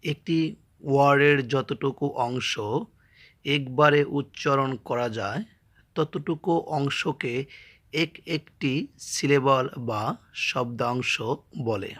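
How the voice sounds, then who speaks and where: A man with a Bangladeshi accent teaching an English grammar lesson and sounding out words slowly, syllable by syllable. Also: medium pitch, fairly even intonation, fairly bright tone. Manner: slow, spells words out syllable by syllable.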